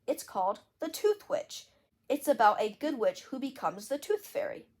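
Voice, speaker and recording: A woman doing a calm, kindly babysitter. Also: sits high, moderate pace, pitched above the performer's own voice. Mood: gentle.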